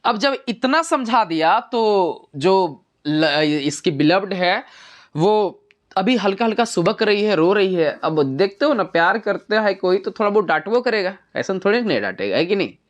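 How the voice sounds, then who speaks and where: Animated woman teaching poetry. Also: mid-range voice, moderate pace. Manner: animated, explains with everyday examples and rhetorical questions. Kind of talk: poetry lesson explanation.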